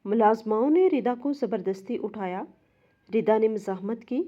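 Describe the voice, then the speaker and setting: A woman storyteller narrating a dramatic story in a steady, expressive way. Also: on the high side, highs cut off.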